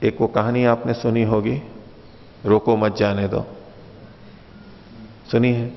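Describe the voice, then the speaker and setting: Male lecturer, gravelly voice, patient and repetitive, dull lo-fi hall recording. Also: on the low side, little pitch movement, slow pace. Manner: patient, repeats and rephrases points, asks listeners questions. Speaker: teacher of Mimamsa philosophy. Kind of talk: explanatory lecture with stories.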